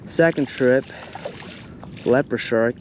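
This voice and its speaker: Slow, laid-back man filming outdoors. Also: medium pitch. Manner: laid-back, chatty, uses lots of fillers. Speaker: fishing vlogger. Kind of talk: casual vlog commentary. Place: outdoors on a bay shoreline. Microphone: action camera, hand-held or chest-mounted. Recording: faint outdoor noise.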